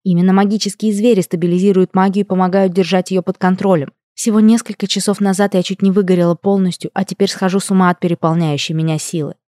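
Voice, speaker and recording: A woman reading a first-person audiobook with expressive, emotional storytelling. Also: mid-range voice, quick pace, hardly any pauses, dry recording, clean studio sound. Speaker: audiobook narrator. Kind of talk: scripted first-person narration.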